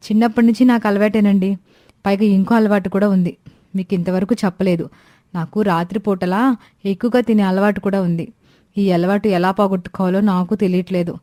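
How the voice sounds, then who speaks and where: A woman's voice: medium pitch, mellow, no room sound, studio quality, close to an everyday voice. A woman voicing a carefree young daughter-in-law in a cartoon story, chatty and easygoing.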